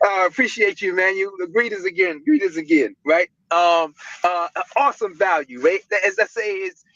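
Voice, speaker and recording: A man's voice: sits high, normal speed, a bit bright, no room sound. A man talking casually on a live stream, rambling, stumbling over words and tagging "right?" onto his points. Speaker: guest speaker. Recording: dull lo-fi audio.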